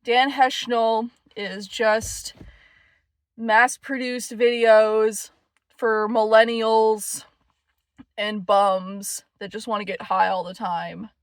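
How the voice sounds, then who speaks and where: A man's voice: high voice, level tone, takes it slowly, smooth, dry recording. A woman doing a sulky, pushy young boyfriend. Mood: dismissive.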